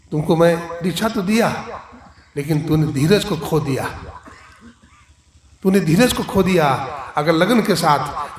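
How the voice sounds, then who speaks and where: A man voicing a patient old guru who gently reproaches his disciple, told inside a Hindi sermon. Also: a little high, roomy sound.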